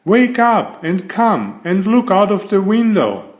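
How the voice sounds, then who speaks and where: Man voicing excitable Mister Silly, swooping pitch. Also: takes it slowly, exaggerated voice. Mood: excited. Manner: exclaiming, urging. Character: silly, excitable male storybook friend, Mister Silly.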